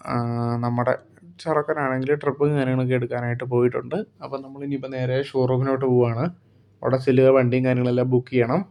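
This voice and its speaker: A man from Kerala, India, talks fast in a flat, medium-pitched voice, narrating a bus-business roleplay as a casual first-person vlog. He rambles and leans heavily on fillers like "okay" and "and things."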